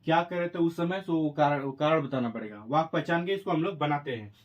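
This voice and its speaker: A man with an Indian accent teaching English grammar in Hindi, spelling words out letter by letter and slowly dictating example sentences. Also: a little high, highs cut off. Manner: addresses viewers as friends, encouraging and repetitive. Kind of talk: Hindi-language grammar lesson.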